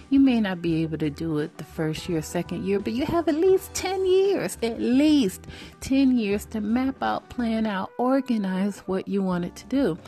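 Earnest woman, 40s, mellow tone, faint music under her, preacherly motivational talk. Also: medium pitch. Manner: earnest, preacherly, repeats phrases for emphasis. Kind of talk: faith-based motivational talk.

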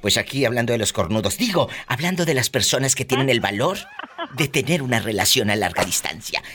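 A flamboyant Mexican man hosting a comedy radio-style podcast, teasing his callers and gossiping. His voice is bright and forceful and swoops widely in pitch. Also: lively intonation, fairly quick, slight background noise.

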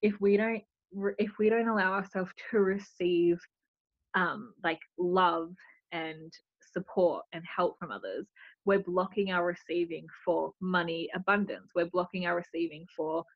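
A woman's voice: fairly low pitch, steady tone, unhurried, no room sound. A woman guest in a casual interview, explaining her ideas thoughtfully with many "like" fillers. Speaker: podcast guest. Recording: dull lo-fi audio.

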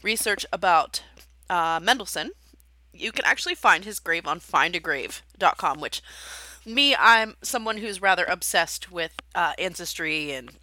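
A woman's voice: fairly low pitch, expressive, measured pace, bright, forceful tone, no room sound. A woman hosting a podcast, an amateur pianist talking casually about her practice and a composer's life, with many fillers and rambling asides. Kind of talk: casual solo chat.

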